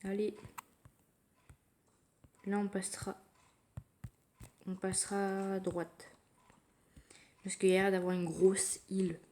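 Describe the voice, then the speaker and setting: A woman giving casual commentary while playing a mobile game, thinking aloud in a quiet, low-key way, recorded through her phone. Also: level tone, takes it slowly, pauses often. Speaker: mobile gamer narrating her play. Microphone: phone screen recording.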